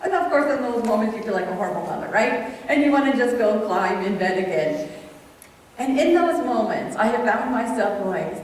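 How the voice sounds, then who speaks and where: A middle-aged woman giving a conversational sermon at a women's event, telling personal stories in an animated, chatty way. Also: fairly high pitch, fairly quick, slight background noise. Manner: animated, chatty storytelling with audience questions. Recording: distant voice in a reverberant hall.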